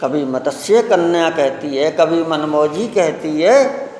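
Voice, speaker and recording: A man teaching a live English class, reading a poem slowly and explaining each line in Hindi. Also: a little high, expressive, a little mellow. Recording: echoey room with long reverb.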